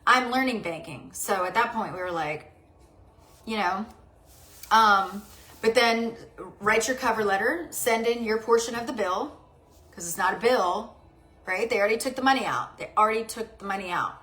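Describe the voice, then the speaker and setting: A woman's voice: medium pitch, moderate pace, bright, forceful tone. A woman vlogger in casual chat, rambling and confiding, often stuttering and restarting her sentences.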